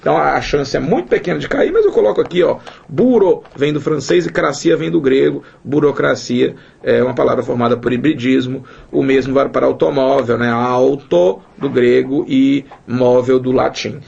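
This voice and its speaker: A man from Brazil teaching an online grammar lesson in a lively, chatty way, joking with his students. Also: medium pitch, moderate pace, vocal fry, few pauses, husky. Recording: dull lo-fi sound.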